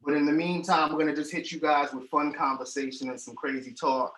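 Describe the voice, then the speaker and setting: A man hosting a casual live-stream chat show, loud and joking. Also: fairly high pitch, flat delivery, brisk. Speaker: host. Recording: echoey room, faint noise.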